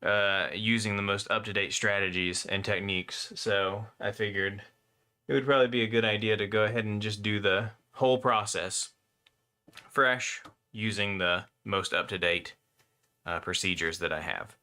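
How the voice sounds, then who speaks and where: A man chats casually on a live stream while modding a console by hand, rambling with many fillers and getting over a slight cough from a cold. He talks at a moderate pace with fairly even intonation, in a lowish, bright, forceful voice.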